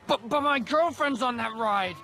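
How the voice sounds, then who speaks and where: A squeaky, gravelly cartoon boy. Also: normal speed, sharp tone, heavily acted. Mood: panicky. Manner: panicky, stammering. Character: squeaky, panicky young boy.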